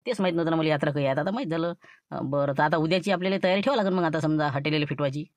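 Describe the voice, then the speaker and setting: A man's voice: a little high, rapid-fire, no room sound, natural voice. A man with a Varhadi Marathi accent playing a boastful schemer in a comic sketch, rambling about his plans. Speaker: scheming villager in a comedy skit.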